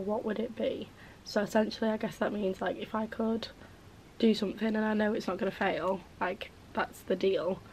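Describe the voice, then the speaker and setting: A beauty vlogger in her twenties chats casually in her bedroom through a get-ready-with-me video, rambling with lots of "like" and "um." She is losing her voice and sounds a bit hoarse, with a mid-range pitch and slight background noise.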